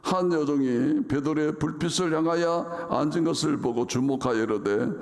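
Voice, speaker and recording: A man's voice: fairly high pitch, normal speed, creaky. A man preaching a sermon as pastor in a church, reading scripture dramatically and acting out the quoted lines. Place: church sanctuary. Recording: reverberant church sanctuary.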